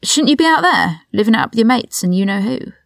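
A woman's voice: a little high, lively intonation, fast talker, vocal fry, a bit bright, no echo, studio quality, voice pushed up. A woman doing a defiant young Ron Weasley. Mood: agitated. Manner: blunt, bristling. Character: defiant young male prisoner, hot-tempered.

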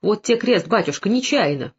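A reader voicing a stubborn young peasant woman who answers in sharp, defiant retorts, in a slightly muffled audiobook recording. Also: mid-range voice, lively intonation, normal speed, slightly rough.

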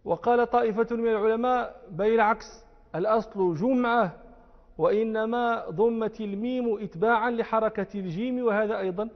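A man teaching a classical religious text, explaining words and slowly repeating them for emphasis. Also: high-pitched, fairly even intonation. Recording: muffled audio with long hall echo.

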